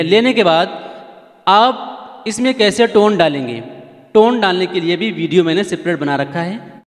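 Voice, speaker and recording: High-voiced man giving a chatty keyboard tutorial. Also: big-room sound. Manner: chatty, repeats points, pleads with viewers. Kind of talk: casual how-to tutorial.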